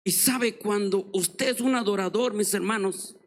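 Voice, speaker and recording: A man preaching an evangelistic sermon and telling a story. He swings from hushed murmurs to shouted exhortation and keeps addressing his congregation as brothers. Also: high-pitched, a little slow, slight background noise. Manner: addresses congregation as "mis hermanos".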